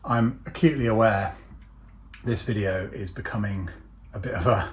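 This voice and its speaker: A man's voice: on the low side, moderate pace, breathy edge. A man talking casually to camera as a DIY vlogger, chatty and self-deprecating.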